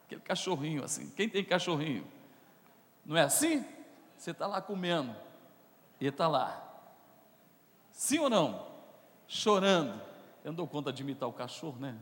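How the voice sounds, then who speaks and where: A man preaching a sermon as pastor, calling on the congregation to respond, moving from soft, joking asides to loud, rising proclamations. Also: a little high, very animated, moderate pace, long pauses. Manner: preaching with big swings between soft asides and loud shouted peaks; playful, jokes with the congregation. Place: church hall. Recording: reverberant church hall.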